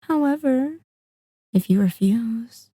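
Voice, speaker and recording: In this heavily acted ASMR roleplay monologue, a woman voices a sadistic vampire, her dark, velvety voice pitched fairly high with a breathy edge and animated delivery. She goes extremely slowly, pausing to relish every phrase while she teases her listener in an amused, possessive, seductive and condescending way. There's no echo; the sound is dry and close.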